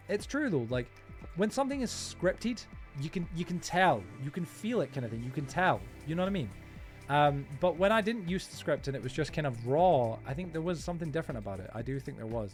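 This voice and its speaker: A man hosts a casual gaming livestream with rapid, nonstop chatter. His mid-pitched voice rambles on informally, full of slang as he talks to viewers. Faint music plays along with his speech. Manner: informal, slangy, often addressing viewers as bro, man, dude.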